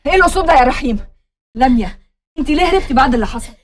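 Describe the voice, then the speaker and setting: A woman's voice: high voice, expressive, rapid-fire. Woman playing a protective Egyptian doctor. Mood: protective reproach. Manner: reproachful, soothing to the girl.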